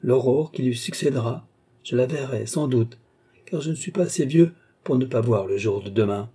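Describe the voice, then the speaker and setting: A man reading the part of a solemn old philosopher who speaks in grave, measured prophecy. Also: medium pitch, mellow, slightly rough, natural voice.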